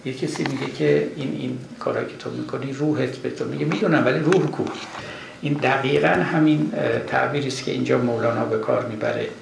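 A man lecturing to a live audience, explaining step by step and slipping into recited verse. His voice has a gravelly edge. The recording carries a roomy echo and steady background noise. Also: mid-range voice. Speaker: lecturer on classical Persian poetry. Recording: echoey room with background noise.

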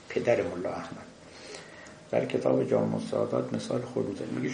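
Male lecturer, very gravelly voice, measured and hesitant delivery, echoey room. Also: mid-range voice, darkish tone. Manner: measured, explanatory, with frequent hesitations. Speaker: lecturer on the Masnavi. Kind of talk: lecture commentary. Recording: echoey room with faint noise.

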